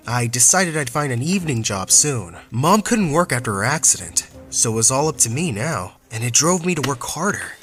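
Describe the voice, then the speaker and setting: Young man, scripted story narration, dramatic, bright tone, faint music behind. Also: mid-range voice, big pitch swings, normal speed, few pauses.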